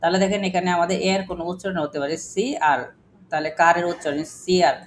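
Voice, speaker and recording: A man's voice: sits high, steady tone, fast talker, slight background noise. A man teaching an English phonics lesson, asking the class questions and repeating examples to drill them.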